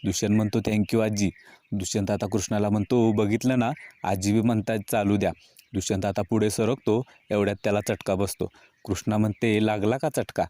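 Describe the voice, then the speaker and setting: A man's voice: fairly low pitch, brisk. A man narrating a recap of a TV serial episode, reading the characters' lines in the same storytelling voice. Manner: even storytelling with quoted lines read in his own voice.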